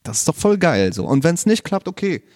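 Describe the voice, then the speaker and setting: A man from Bremen, Germany, a martial arts trainer, chats casually as a podcast guest in a fairly high voice at a fairly quick pace. He is relaxed and laid-back, peppering his talk with slang and fillers. The sound is studio quality with no room sound.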